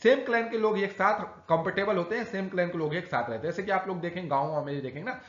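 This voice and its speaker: A man's voice: high voice, quick pace, fairly bright tone. A man teaching an exam-prep lecture, often asking and answering his own rhetorical questions. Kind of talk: recorded lecture. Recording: echoey, dull lo-fi room recording.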